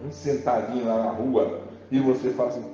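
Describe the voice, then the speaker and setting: A man from Rio de Janeiro preaching a sermon in an animated, jokey way, calling out to his congregation. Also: mid-range voice, a little fast, a little hiss or hum. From Rio de Janeiro, Brazil. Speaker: pastor. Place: large church hall. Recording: roomy church hall, dull sound with music.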